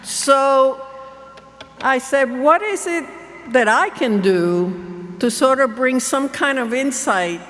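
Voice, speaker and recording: A woman's voice: high-pitched, expressive, slow pace, a bit bright. A woman giving a convention speech, emphatic and rallying the crowd, recorded in a large hall with the crowd audible. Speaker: keynote speaker. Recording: convention hall, room reverb, crowd noise.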